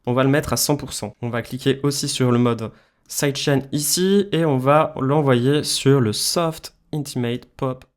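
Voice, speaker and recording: A man walks through a music production tutorial step by step, explaining things informally over a casual screen share. His mid-range voice is unhurried, with fairly even intonation.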